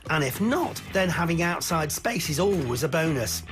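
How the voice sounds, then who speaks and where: Lively male voice-over over music. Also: on the high side, normal speed. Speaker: narrator. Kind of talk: scripted voice-over narration. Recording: voice-over with clear music behind.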